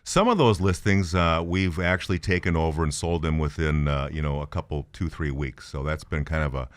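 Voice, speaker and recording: A man guesting on a radio show as a real estate agent, speaking haltingly and modestly with many fillers, in a studio. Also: a bass voice, no echo. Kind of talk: radio interview.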